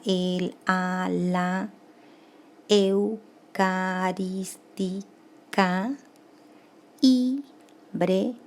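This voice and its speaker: Slow, gravelly woman teacher. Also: lowish voice, a little mellow. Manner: slow, step-by-step explaining, checks in with "¿sí?". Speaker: secondary school teacher. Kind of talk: recorded class lesson.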